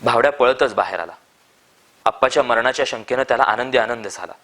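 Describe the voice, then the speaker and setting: A man reads a short story aloud, steady and measured. His pitch sits in an ordinary middle range.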